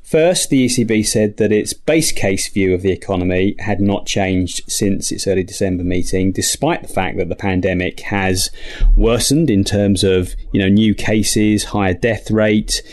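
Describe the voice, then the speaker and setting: A man giving unscripted expert market commentary as an interviewed strategist, often halting and restarting his phrases. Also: lowish voice, fairly even intonation, a little mellow.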